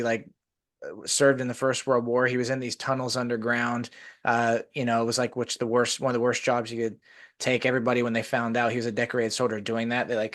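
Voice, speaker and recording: Casual and rambling, a podcast host spins out long stories full of "like" fillers. The man's voice is mid-range with a fairly bright tone.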